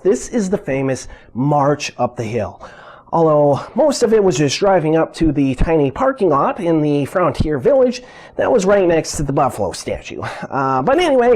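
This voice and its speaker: Lively, chatty documentary commentator. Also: medium pitch. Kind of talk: casual mock documentary interview.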